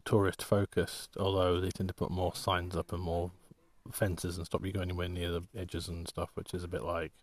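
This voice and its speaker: Brief: low-pitched man, relaxed vlog chatter, halting and rambling, trails off mid-thought. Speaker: walking vlogger and artist. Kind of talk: casual rambling monologue.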